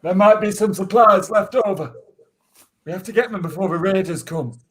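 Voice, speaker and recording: A man as a high-voiced northern English father. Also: moderate pace, a bit bright, a little hiss or hum. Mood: urgent. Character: northern father, a survivor foraging for supplies. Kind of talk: improvised comedy acting.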